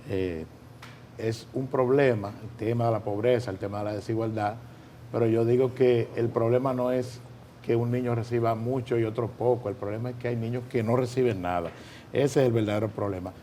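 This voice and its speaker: A man with a Dominican Spanish accent co-hosting a morning news show in a conversational way, pausing and repeating phrases as he comments. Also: mid-range voice, fairly even intonation, warm tone. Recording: light background noise.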